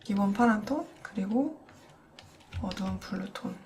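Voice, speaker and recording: A woman's voice: mid-range voice, animated, measured pace, a little mellow, slight background noise. A young adult woman teaching digital coloring in a screen-recorded tutorial. She speaks patiently and explains each step directly to her viewers. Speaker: digital painting instructor.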